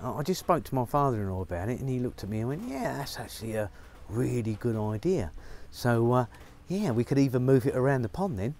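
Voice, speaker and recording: Medium in pitch and expressive, the man speaks fairly quickly with few pauses and a slightly mellow tone. He's middle-aged, working on his farm outside in the rain and chatting to camera for a vlog, cheerful and heavy on fillers, through a lapel mic.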